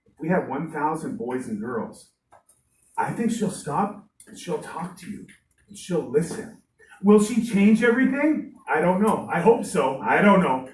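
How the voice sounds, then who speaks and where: A woman teacher telling a lively story to children in a classroom, playing up the characters' voices. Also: low voice, a little slow. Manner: lively, animated, playful voices. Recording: roomy room, distant mic, faint noise.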